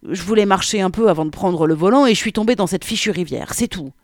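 A woman's voice: mid-range voice, fast, a little mellow, no echo, studio quality, pitched above the performer's own voice, natural voice. A woman reading aloud, voicing a brazen young man who talks in a smug, wheedling way. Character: cocky aroused young man pleading.

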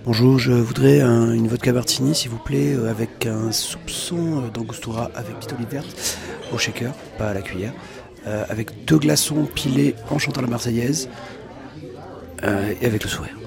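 A man's voice: mid-range voice, normal speed, gravelly, a crowd in the background, natural voice. A man doing a fussy, stammering bar customer. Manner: hesitant, stammering. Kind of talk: comic sketch.

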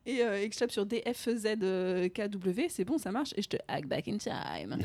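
A woman's voice: medium pitch, very animated, moderate pace, darkish tone, slightly rough. A woman co-hosting a casual podcast chat, hesitant and giggly with many fillers. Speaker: podcast co-host.

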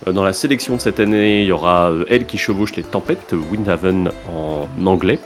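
A man's voice: deep voice, a little fast, faint music behind. A man hosting a podcast in casual chat, hesitant, with many filler sounds and restarts. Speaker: podcast host.

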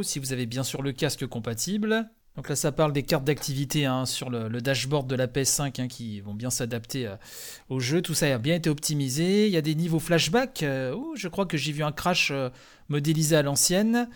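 A man hosting, chatting loosely with many fillers as he comments a live game showcase. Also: on the high side.

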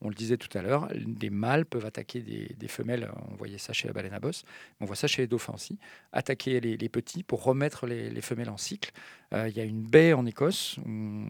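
Male expert guest, gravelly voice, dry close sound, lively explaining with frequent restarts. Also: medium pitch, no room sound. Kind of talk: radio science interview.

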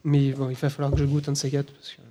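A man's voice: medium pitch, completely flat delivery, fast talker, dark tone. A man, co-hosting a live podcast and presenting whiskies in a hesitant, casual way, full of fillers and restarts. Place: live event recording.

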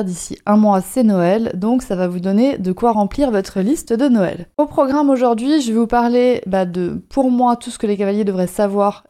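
Woman, solo podcast host, warm mellow tone, chatty and good-humored. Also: mid-range voice. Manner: chatty, upbeat, humorous, with frequent fillers.

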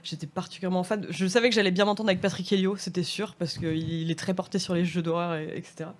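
A woman's voice: on the low side, little pitch movement, fast talker. A woman from France talking casually as a guest on a chat show, laughing often and trailing off with fillers.

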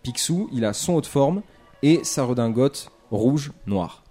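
A man in casual podcast chat, talking at length and animated about comics. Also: medium pitch, a little slow, breathy edge, faint music behind.

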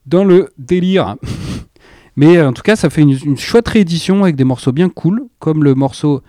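A man's voice: on the high side, lively intonation, normal speed, dark tone, no echo, clean studio sound. A man hosting a music radio show, presenting records in a casual, enthusiastic chat with laughing asides and slangy phrasing.

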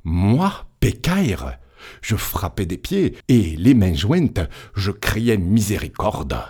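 A man narrating a tale in the first person as a village priest, expressive and dramatic. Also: fairly low pitch, takes it slowly, husky. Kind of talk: audiobook storytelling.

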